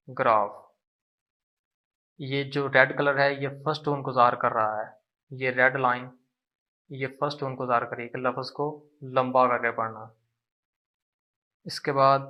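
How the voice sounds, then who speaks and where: A man teaching a language lesson, explaining slowly and patiently and repeating syllables to demonstrate them. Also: mid-range voice, lo-fi sound. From Pakistan.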